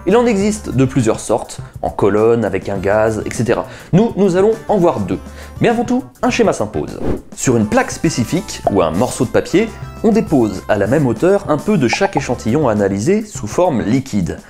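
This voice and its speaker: Very animated and moderately paced, a mid-range, dark-toned voice leads a science video over faint background music. The host, a man in his thirties, sits at a table in a small indoor room, carrying out and explaining a chemistry experiment with chatty enthusiasm.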